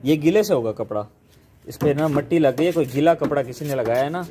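Out by a car at his house gate, a young vlogger with a Pakistani Punjabi accent chats while working on the vehicle and giving his family directions. He speaks fairly quickly at a fairly high pitch over a noisy background.

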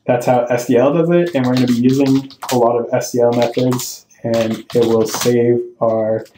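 A man with a mellow, mid-range voice and steady tone hosts a screen-recorded programming tutorial at a moderate pace, thinking aloud and correcting himself with each step. The audio sounds roomy with slight hiss or hum, and keyboard typing and clicks are heard behind him.

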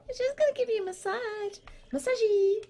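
A woman voicing a bubbly, bossy young woman who teases loudly in a comedic gaming role-play. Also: moderate pace, a little hiss or hum. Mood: teasing. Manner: high, loud and teasing.

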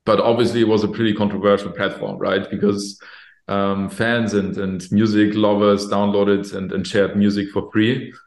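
A man's voice: fairly low pitch, level tone, normal speed, darkish tone. A man from Germany with a German accent, in his late twenties or early thirties, answering interview questions in an easygoing way and often repeating words while he thinks, over a video call. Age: late 20s to early 30s. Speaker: guest, company executive. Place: office room with plain wall. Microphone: video call, webcam. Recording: roomy echo on a video call.

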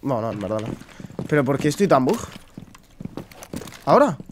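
A man's voice: mid-range voice, very animated, normal speed, a little hiss or hum. A man with a Spain Spanish accent giving casual, chatty gameplay commentary to his viewers, swearing often. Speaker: gaming streamer.

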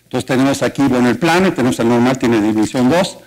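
A man's voice: medium pitch, quick pace, a little mellow, poor audio. A man with a Mexican Spanish accent giving a university mathematics colloquium talk in an auditorium, explaining step by step and asking the audience rhetorical questions. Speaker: mathematics lecturer. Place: lecture auditorium.

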